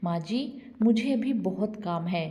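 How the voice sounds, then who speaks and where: A woman's voice: mid-range voice, unhurried, natural voice. A woman voicing a scolding daughter-in-law. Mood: dismissive. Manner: sharp, scolding. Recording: long reverb.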